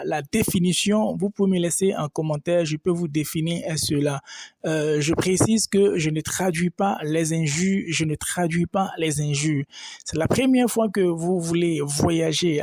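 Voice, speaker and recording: High-voiced male teacher, slow and deliberate. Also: darkish tone, no echo. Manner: patient, repetitive drilling of tones and vowels; fillers and restarts when speaking freely. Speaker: Chinese language teacher. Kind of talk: language lesson, pronunciation drills.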